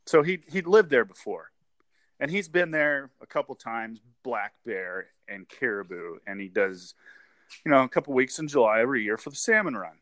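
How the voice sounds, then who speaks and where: A man's voice: medium pitch, sing-song, moderate pace, fairly bright tone, no echo. A man in his forties, a guest on a casual interview, rambling and repeating words, with frequent laughs. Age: 40s.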